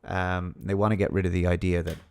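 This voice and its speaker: A man's voice: low voice, little pitch movement, fairly quick, gravelly, a little mellow, clear, resonant tone, no room sound, studio quality. A man giving a monologue commentary, reading out an article and mocking his opponents in sarcastic put-on voices.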